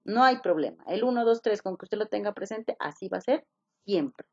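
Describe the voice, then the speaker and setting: Over somewhat muffled video-call audio, a woman with an animated mid-range voice teaches an English class at normal speed. She explains every step patiently, goes over the main points again, and questions her students constantly.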